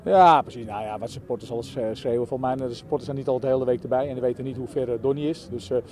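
Fast-talking Dutch football coach, man. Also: medium pitch, warm tone. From Netherlands. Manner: halting, many fillers and restarts. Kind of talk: post-match interview.

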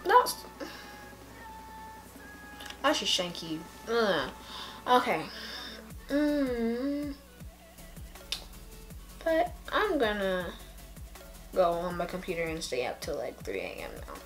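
A woman's voice: medium pitch, very animated, slow pace, pauses often, soft background music. Drowsy, rambling young woman late at night. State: tired, with a headache. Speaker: vlogger. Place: indoors at home, sitting on a carpet. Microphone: camera close up at arm's length.

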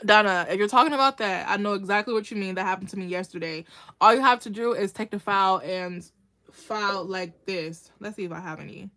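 A woman's voice: mid-range voice, fast talker, sharp tone. A woman hosting a casual nail art tutorial livestream, chatting with viewers by name and laughing often as she works.

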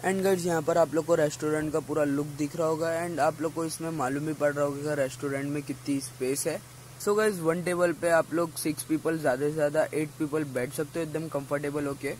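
A teenage Indian food vlogger reviews a restaurant in a busy mall, chatting casually to his viewers and repeatedly calling them "guys." His voice is on the high side with fairly even intonation and a slightly fast pace. Recorded on a phone held at arm's length, the audio is rough with slight background noise.

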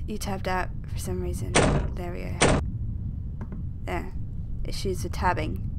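A woman's voice: medium pitch, vocal fry. A woman giving self-mocking let's play commentary on a horror game, breaking into sudden panicked shrieks. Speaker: game streamer. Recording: loud background noise.

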